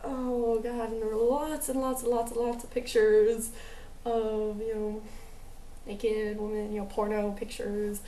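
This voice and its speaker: A young American woman vlogger tells a rambling, chatty story packed with fillers, in a mixed New Jersey accent with a light Southern drawl. Her somewhat high, dark-toned voice has little pitch movement and a slightly slow pace. The poor recording is echoey and distant, with a bit of hiss or hum.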